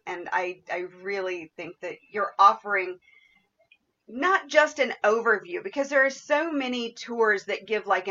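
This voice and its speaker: Woman doing a podcast interview, gushing and appreciative, medium pitch, sound is a bit muffled and lo-fi. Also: sharp tone. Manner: effusive, appreciative. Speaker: podcast host. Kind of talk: conversational interview hosting.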